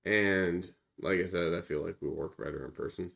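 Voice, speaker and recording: A man's voice: deep voice, fairly even intonation, normal speed, vocal fry, fairly bright tone. A man co-hosting a podcast, talking in a rambling, profane way with many restarts and fillers. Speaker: podcast co-host. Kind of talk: casual chat.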